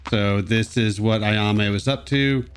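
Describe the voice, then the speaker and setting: A man's voice: lowish voice, takes it slowly, noisy background. A man giving casual, wry commentary as host of a video game let's play, with joking asides.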